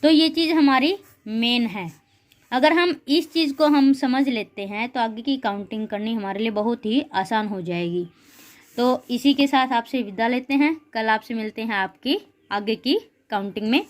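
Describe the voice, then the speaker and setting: A woman teaching a class of children in a patient, encouraging way, slowly as she drills the words and calling her students "beta ji". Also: fairly high pitch.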